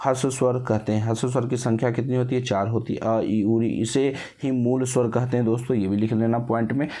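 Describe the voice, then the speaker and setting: A man's voice: medium pitch, little pitch movement, brisk, dark tone. A male teacher giving an exam-prep lesson, who calls his viewers friends and answers his own questions, drawing out vowels to show how they sound.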